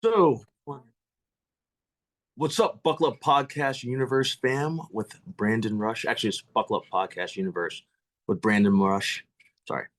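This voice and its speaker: A man's voice: medium pitch, a little slow. An American man hosting a casual podcast interview, eager and often tripping over his words and starting again. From United States. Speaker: podcast host.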